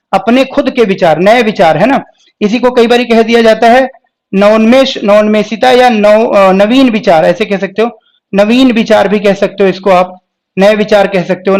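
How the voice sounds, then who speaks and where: High-pitched guy teaching a live exam prep class, keeps asking students questions, on the bits.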